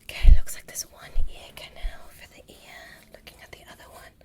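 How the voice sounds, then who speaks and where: In an ASMR medical roleplay, a woman performer plays an examiner, softly whispering soothing, reassuring instructions without hurry. Her voice is a breathy whisper.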